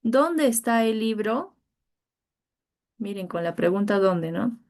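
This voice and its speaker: A woman's voice: mid-range voice, lively intonation, slow, a little mellow. A woman teacher leading an online grammar class over a video call, patiently coaxing each student by name.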